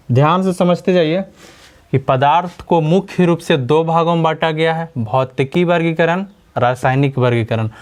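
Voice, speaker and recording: A male teacher giving a science lesson, often asking questions and repeating the key back. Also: a little high. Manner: repeats key words and quizzes listeners with questions. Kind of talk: classroom lecture.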